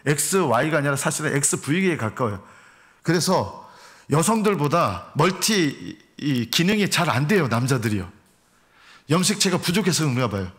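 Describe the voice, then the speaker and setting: A man's voice: on the high side, very animated, normal speed. A middle-aged man preaching a Sunday sermon as a pastor, joking and acting out arguments between husbands and wives. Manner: humorous, acts out husband and wife dialogue. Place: church sanctuary.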